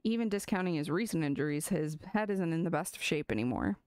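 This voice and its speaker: Woman reading as a smug pigeon doctor in a game, low voice, dry sound, measured bedside talk. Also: animated, darkish tone, no room sound. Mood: formal. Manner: formal, measured bedside manner. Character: pompous pigeon doctor, formal and self-satisfied.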